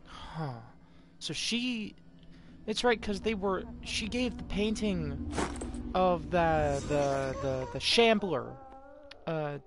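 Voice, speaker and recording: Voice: mid-range voice, slow. A streamer giving live, chatty commentary on a horror game, swearing freely.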